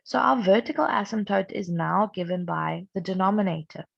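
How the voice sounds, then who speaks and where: A young woman maths teacher who is sick and strained, patiently explaining a recorded lesson and clearing her throat often. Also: mid-range voice, moderate pace. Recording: dull lo-fi recording.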